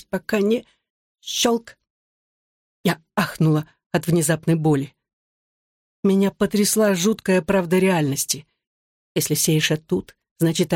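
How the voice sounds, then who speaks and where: A narrator reading a fantasy novel in the first person, in short measured phrases. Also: medium pitch, darkish tone, dry recording, clean studio sound. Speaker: audiobook narrator.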